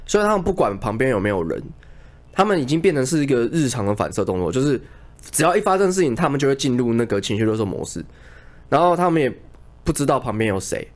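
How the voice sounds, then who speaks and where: Guy on a podcast thinking out loud, voice jumps up and down a lot, stops and restarts. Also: mid-range voice, very animated. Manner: reflective, explaining in halting restarts. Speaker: podcast co-host. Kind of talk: casual chat.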